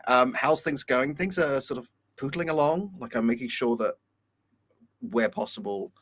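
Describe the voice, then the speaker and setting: A man's voice: medium pitch, expressive, moderate pace, a bit bright. A man on a video call, talking candidly and a little rambling in a casual chat. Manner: candid, rambling, self-deprecating. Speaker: co-host.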